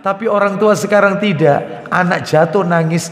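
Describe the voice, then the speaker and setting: A man giving a religious study lecture, animated, acting out parents and children in quoted voices. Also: high-pitched, moderate pace. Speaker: preacher. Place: mosque hall. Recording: echoey mosque hall.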